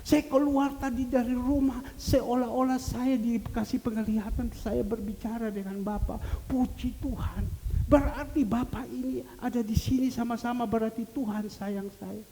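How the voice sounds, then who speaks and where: A man's voice: very high voice, steady tone, normal speed, dark tone, pitched above the performer's own voice. A preacher voicing a tearful grateful woman. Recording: echoey church hall with faint hiss.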